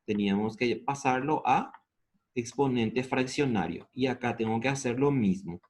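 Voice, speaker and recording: A man with a Paraguayan Spanish accent and a mid-range, darkish voice teaches integrals step by step. This math teacher poses questions to the class, answers them himself, and slows down whenever he reaches a formula.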